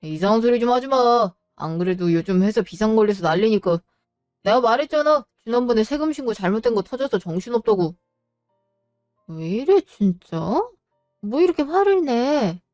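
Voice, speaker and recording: A woman's voice: a little high, lively intonation, moderate pace, darkish tone, no room sound, studio quality, faint music behind, close to an everyday voice. A woman voicing a defensive, irritable husband who brushes off his wife's questions, in an audio drama story. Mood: irritated. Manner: evasive, snappish, brushes off questions. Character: defensive irritable husband, middle-aged man.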